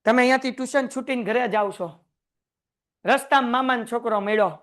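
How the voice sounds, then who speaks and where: A man teaching a class, lively and joking as he quizzes his students. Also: very high-pitched, fairly quick. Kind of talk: classroom lecture.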